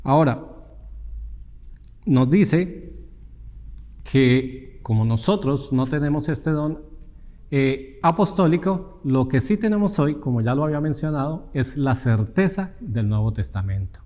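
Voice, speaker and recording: A man's voice: mid-range voice, lively intonation, a little slow, long pauses, dark tone, big-room sound. A man preaching a sermon in an earnest teaching tone, asking the congregation rhetorical questions.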